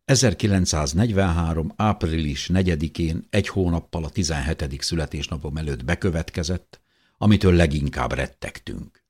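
Very deep, husky male audiobook narrator. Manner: tense, expressive storytelling. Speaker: audiobook reader. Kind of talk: first-person audiobook narration.

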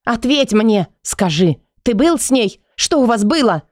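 A young woman reading an audiobook, voicing a jealous, defiant young woman who shouts and pleads. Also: mid-range voice, expressive, unhurried, no echo, clean studio sound, lightly acted. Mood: accusing. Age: young adult.

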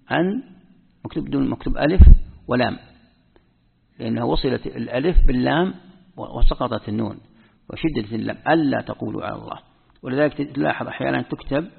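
With a medium-pitched, gravelly, slightly rough voice, an Islamic scholar walks through the rules of Quran script, patiently repeating key terms. The recording sounds tinny and phone-like, set in a reverberant hall.

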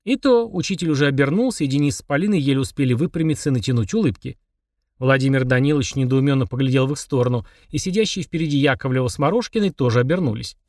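A man narrating a children's audiobook in a lively, playful manner. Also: medium pitch, quick pace, dry recording, studio quality.

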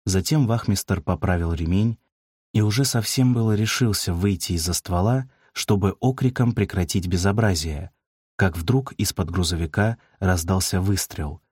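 A man narrates a novel in a very low, husky voice. His reading is even and measured, and he gives the quoted lines only a light touch of character. The recording is close and dry. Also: no room sound. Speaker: audiobook narrator. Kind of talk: scripted narration.

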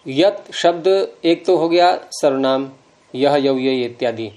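A man's voice: medium pitch, slow, a little mellow. A man with a Hindi accent teaching Sanskrit grammar to a class, patiently explaining and repeating word forms aloud.

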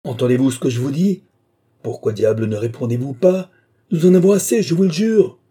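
A man reading an audiobook, voicing an angry young aviator officer who shouts demands. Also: mid-range voice, animated, moderate pace, husky.

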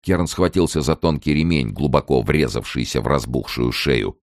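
A man reading a novel aloud as an audiobook narrator, with measured, grave storytelling. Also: extremely low pitch, no room sound, clean studio sound.

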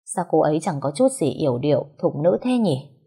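A woman voicing a gentle young husband who speaks softly and plainly. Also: low voice, very animated, fairly quick, husky, exaggerated voice.

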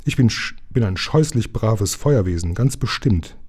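A man doing a squeaky grunting half-dragon. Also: animated, normal speed, darkish tone, slightly rough. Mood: eager. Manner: boastful, clumsy, eager to please. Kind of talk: storybook reading aloud.

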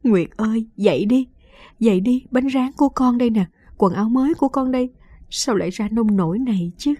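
A woman's voice: mid-range voice, moderate pace, darkish tone, no room sound, lightly acted. A woman voicing a doting, anxious elderly grandmother who cries out and pleads for her granddaughter. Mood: pleading.

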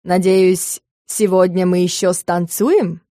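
Woman reading smug slimy businessman, slow oily delivery, slightly lowered voice, dark tone, dry close sound. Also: fairly even intonation, no room sound. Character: smug, pushy, slimy male business partner.

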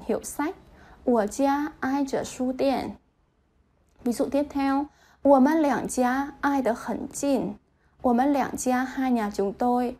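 A woman teaching vocabulary, reading example sentences slowly and then translating them word by word. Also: on the high side, warm tone. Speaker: Chinese language teacher.

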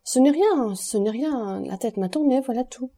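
A woman voicing an anxious, feverish young woman in an audiobook, speaking quickly with forced lightness. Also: sits high, expressive, mellow, pitched above the performer's own voice. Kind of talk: audiobook reading.

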